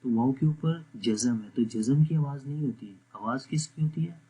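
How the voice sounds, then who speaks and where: A man teaching Quran reading, sounding out each syllable slowly and then explaining the rules in quick asides. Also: mid-range voice, warm tone, husky, low-quality recording. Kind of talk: spelling out syllables for learners.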